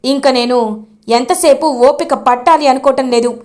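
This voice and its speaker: A woman's voice: high voice, normal speed, lightly acted. A woman voicing a stern, angry middle-aged father who scolds in a raised voice.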